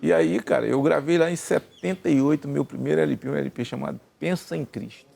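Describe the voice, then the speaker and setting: An older Brazilian man telling a long personal story in casual chat, acting out the dialogue with lively swings in his voice. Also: a little high, fairly quick, creaky. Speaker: gospel singer and senator telling a story.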